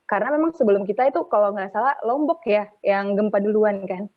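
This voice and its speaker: A young woman from Palu, a radio announcer, telling her own story in a casual interview with animated, run-on sentences. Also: mid-range voice, fast, dry recording. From Palu, Central Sulawesi, Indonesia. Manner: animated, recounts events in long run-on sentences. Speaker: radio announcer and podcast guest. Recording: tinny phone-like line, dry.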